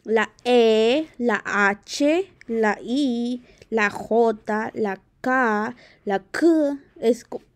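A young woman whose first language is Q'anjob'al walks viewers through a lesson in an easygoing, chatty way. She speaks unhurriedly in a slightly higher voice, pausing and restarting as she corrects herself. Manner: friendly, halting, self-correcting. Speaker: language teacher on video. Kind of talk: casual spoken tutorial.

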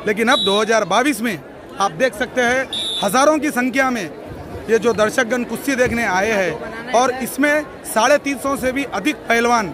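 A middle-aged man, a wrestling organizer giving a loud, pleading press statement into news mics, repeating phrases for emphasis. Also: very high voice, normal speed, background noise. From Hyderabad, India. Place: outdoor stadium at night, wrestling crowd. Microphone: cluster of handheld news mics. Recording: outdoor event with loud crowd.

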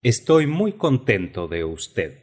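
A man's voice: mid-range voice, wildly swooping pitch, slow, a little mellow, husky, exaggerated voice. A man voicing a curt, imperious old-style ruler. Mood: pleased. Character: stern middle-aged male dictator uncle. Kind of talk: audiobook reading.

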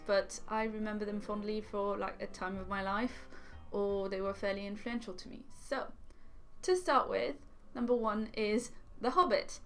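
A young woman from France, a native French speaker, chatting animatedly to camera about books, with frequent ums, in a small living room. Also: medium pitch. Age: young adult. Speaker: book vlogger. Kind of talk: casual chat to camera.

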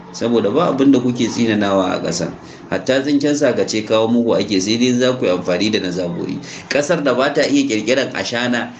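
A man from Nigeria with a Hausa accent giving informal, emphatic commentary, mixing languages and exhorting listeners with rhetorical questions. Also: on the low side. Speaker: online crypto commentator. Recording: noisy amateur recording with background ambience.

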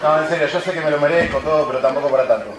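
A man's voice: on the high side, very fast. A man with a Rioplatense accent doing stand-up magic patter and joking with a live audience at an event. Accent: Rioplatense Spanish. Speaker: magician and comedian. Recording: echoey hall, far from mic, crowd noise. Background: audience laughter and chatter.

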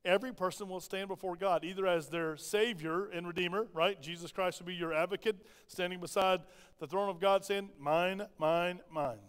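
A man's voice: sits high, steady tone, fairly quick, a bit bright, clean tone. A man with a Southern American accent, preaching a sermon in a church and asking the congregation plenty of rhetorical questions. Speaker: pastor. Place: church sanctuary. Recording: long reverb of a church hall.

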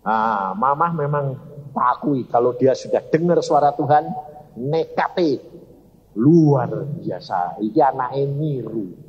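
A man with a Javanese accent preaches in an animated storytelling style, slipping into the voices of the people in his stories. His pitch leaps up and down constantly. The sound is dull and lo-fi, with long reverb from a large hall. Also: slow, slight background noise. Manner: animated, acts out dialogue in many voices. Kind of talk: storytelling sermon.

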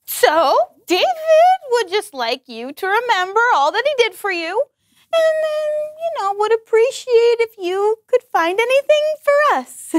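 A woman's voice: very high voice, very animated, measured pace, dry recording, studio quality, heavily acted. A woman playing a timid, flustered servant messenger in a comic children's Bible sketch, hesitant and exaggerated. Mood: nervous, hesitant.

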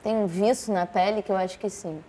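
A woman, hosting a comedic guessing game with quick-witted banter. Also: medium pitch, steady tone, warm tone, a little hiss or hum. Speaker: comedian host.

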